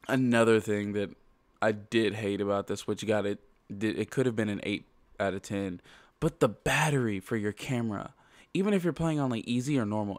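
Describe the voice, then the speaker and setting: A man with a stuffy, congested nose talks through a casual game review in a rambling, ranting way, tripping over restarts and fillers. His voice sits on the low side, and the recording is dry and close with no room sound. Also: no echo. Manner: rambling, ranting, heavy use of "like".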